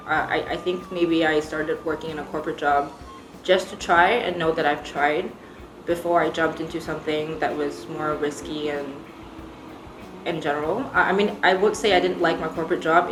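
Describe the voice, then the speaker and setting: A woman's voice: low-pitched, steady tone, fairly quick, fairly bright tone, a little hiss or hum. A young woman from Singapore with an American accent, a baker answering interview questions in a chatty way with lots of ums. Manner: chatty, laughs easily, many ums. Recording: echoey room with music behind.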